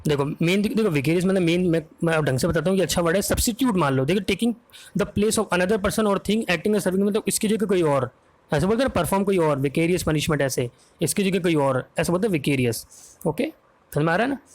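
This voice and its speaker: A man's voice: sits high, expressive, fairly quick. A man with an Indian accent teaching English vocabulary for an exam, spelling words out letter by letter and often checking that students follow.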